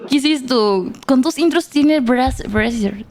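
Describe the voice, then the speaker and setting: A young woman giving casual gameplay commentary, laughing often, shouting at the game and reading pickup lines aloud. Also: sits high, unhurried, a little hiss or hum. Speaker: streamer.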